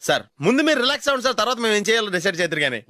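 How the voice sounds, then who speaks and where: A wheedling fast-talking driver. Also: male voice, high voice, big pitch swings, sharp tone, no echo, studio quality, exaggerated voice. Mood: coaxing. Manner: wheedling, coaxing.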